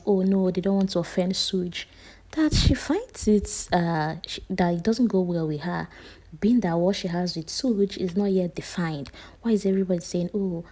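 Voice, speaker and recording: A woman's voice: on the low side, warm tone, breathy edge. Whispery woman recapping gossip. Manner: retells arguments in quoted voices, often whispery. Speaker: reality show recap vlogger.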